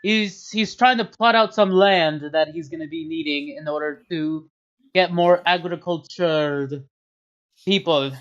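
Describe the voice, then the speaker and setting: A game master voicing a brisk busy woman leader. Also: medium pitch, a bit bright, clear, resonant tone, natural voice. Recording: dull lo-fi sound.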